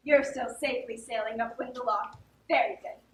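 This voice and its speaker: An actress playing a gleeful, mischievous servant in a live stage play, amused and teasing. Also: female voice, a little high, fairly even intonation, fairly quick, a little hiss or hum, close to an everyday voice. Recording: echoey stage from far off, faint ambience.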